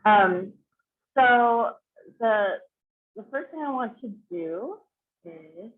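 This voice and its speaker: A woman's voice: on the high side, animated, very slow. Chatty woman on a tinny call. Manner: chatty, many fillers and restarts. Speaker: choir clinician. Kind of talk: online choir sectional. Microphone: video call. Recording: tinny video call audio, faint noise.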